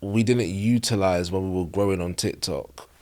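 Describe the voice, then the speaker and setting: A man's voice: sits low, steady tone, moderate pace, a little mellow. A man with a London accent talking informally as a podcast guest, using casual slang. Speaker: podcast guest, social media content creator. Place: podcast recording.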